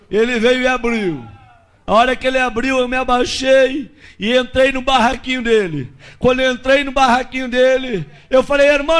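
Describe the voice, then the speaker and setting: A Brazilian man preaching as a pastor, telling a testimony with lively acted-out dialogue and shouted peaks. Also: extremely high pitch. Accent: Brazilian Portuguese. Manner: animated storyteller acting out dialogue, shouting at peaks.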